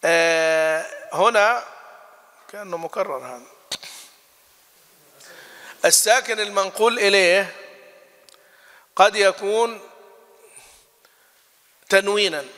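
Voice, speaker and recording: A man teaching recitation rules, quizzing students and chanting example verses slowly. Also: high voice, pushed and bright. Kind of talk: classroom lesson on recitation rules. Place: mosque lesson hall. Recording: long reverb of a hall.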